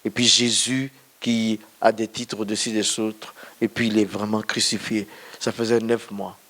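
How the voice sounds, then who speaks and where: A male pastor, whose first language is not French, gives a storytelling testimony sermon in church, speaking directly to his listeners. His voice is fairly low with little pitch movement, sharp in tone, and a little slow.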